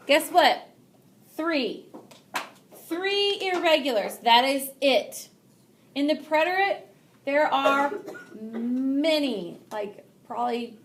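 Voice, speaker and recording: A young woman teaching Spanish grammar to a class, explaining lively and asking students questions. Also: high voice, a little hiss or hum. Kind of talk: classroom lesson.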